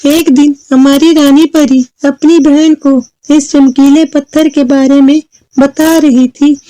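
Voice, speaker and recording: A woman's voice: high-pitched, dark tone, no echo, pitched above the performer's own voice, rough recording. A woman voicing a kind, soothing fairy. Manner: soothing, explanatory. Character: kind female fairy, wise storyteller.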